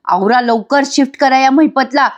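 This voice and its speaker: A woman voicing a sharp-tongued female accomplice who answers her partner with tart, scolding retorts. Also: high-pitched, moderate pace, dull audio, pitched above the performer's own voice, lightly acted.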